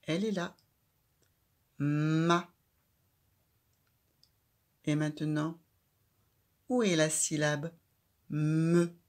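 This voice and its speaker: A woman teaching a child to read, speaking slowly and clearly and saying each syllable loudly. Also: low-pitched. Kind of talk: children's reading lesson.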